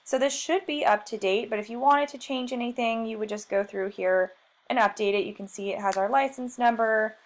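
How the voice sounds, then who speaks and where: A marketing trainer, this woman speaks a little fast in a voice on the high side while guiding a screen-share software tutorial. She comes across as chatty and self-mocking, thinking aloud with every click.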